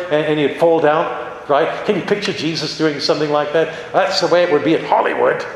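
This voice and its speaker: A man preaching a sermon, animated, with rhetorical questions and dramatic stress on key words. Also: fairly high pitch. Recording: very echoey hall with long reverb.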